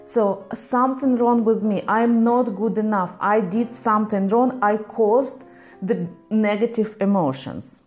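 A woman's voice: mid-range voice, measured pace, a little mellow, soft background music. A woman psychologist and life coach explaining to viewers in a patient, earnest way, in slightly non-native English.

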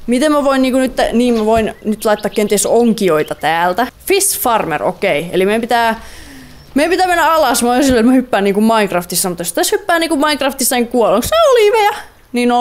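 A young woman giving playful, chatty let's-play commentary, repeating words and mixing in English phrases. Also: fairly high pitch. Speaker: gaming YouTuber.

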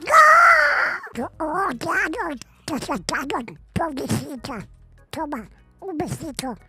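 Casting: man playing a bubbly girl gamer, very high and bright, slow sing-song delivery, game music behind. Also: exaggerated voice. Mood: sweet. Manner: sweet and bubbly, shrieks when excited. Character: sweet, chirpy young girl gamer, cheerful and eager. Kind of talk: streaming a shooter game in character.

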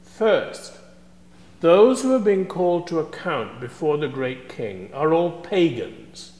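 An older man, a priest, preaching a measured, scholarly sermon in a large church sanctuary, filmed by a fixed camera at a distance. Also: a little high, big pitch swings, a little mellow. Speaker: supply priest. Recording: echoey church with long reverb.

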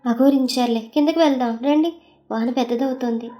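A woman voicing an embarrassed young wife who scolds in an urgent, hushed way. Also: high-pitched, a little fast, soft background music, close to an everyday voice. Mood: scolding.

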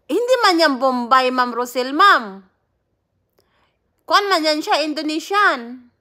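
A woman's voice: sits high, animated, slow, pushed and bright. A Filipina woman, chatting casually on a livestream, greeting viewers by name and laughing often. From Philippines. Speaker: livestream host.

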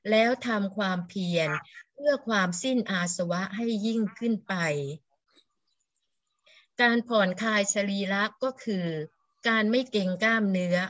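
A woman reading a scripture translation aloud for a monk's class, in a steady, measured way. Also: mid-range voice, dry recording, dull audio. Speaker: student reader.

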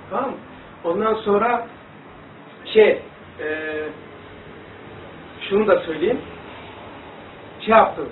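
A high-voiced man gives a rambling, animated religious lesson, demonstrating as he talks. He sits well back from the mic in a roomy, echoing space. The sound is thin and phone-like, with a faint hiss behind him. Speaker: religious teacher. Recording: echoey room, distant phone-like mic.

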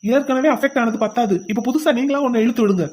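A woman's voice: on the high side, fast, a little mellow, a little hiss or hum, close to an everyday voice. A woman voicing a stern young husband in a cartoon who lectures and scolds. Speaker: cartoon voice actor. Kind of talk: cartoon voice acting.

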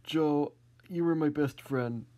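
A man voicing a self-important, threatening police chief in a comedic amateur fan dub, speaking in a pompous, halting way. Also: on the high side, warm tone, a little hiss or hum. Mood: smug. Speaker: fan dubber.

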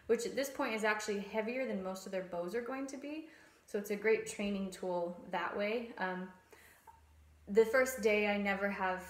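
Woman, 30s, music teacher demonstrating at home; relaxed, filler-heavy delivery; roomy camera-mic sound. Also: mid-range voice. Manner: relaxed explaining with frequent ums, sings nursery rhyme verses. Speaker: strings teacher. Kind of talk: demonstration lesson. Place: small room at home, indoors. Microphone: camera mic, phone or webcam framing. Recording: echoey room.

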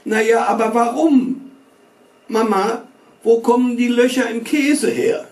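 A man's voice: very high voice, steady tone, a little slow, darkish tone, pitched above the performer's own voice. A man voicing a whiny, curious little boy who keeps pestering his parents with questions. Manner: whining, insistent questions. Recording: roomy stage sound from far.

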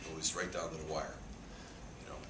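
A very deep voice with little pitch movement, going fairly quickly. The speaker, a head football coach in his fifties, answers at a press conference emphatically, repeating words and gesturing. Sound comes from a table mic cluster in an echoey press room with a sponsor backdrop, plus faint hiss.

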